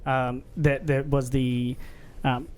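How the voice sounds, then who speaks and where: A man's voice: medium pitch, flat delivery, slow, a little hiss or hum. A man with a twang co-hosting a podcast in casual, rambling chat. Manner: rambling, earnest, self-described redneck voice. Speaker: podcast co-host.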